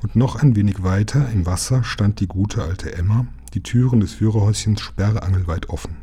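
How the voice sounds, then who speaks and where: A man narrating a children's storybook aloud in a calm, even reading. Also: lowish voice, brisk, husky. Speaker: audiobook reader.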